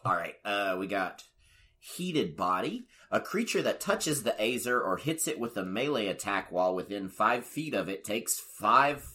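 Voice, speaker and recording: A man with a lowish, bright voice reads tabletop monster rules aloud in a lively, swinging way. He chats casually with friends between the numbers, as on a relaxed podcast. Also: measured pace. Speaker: podcast co-host reading monster stats. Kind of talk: casual chat.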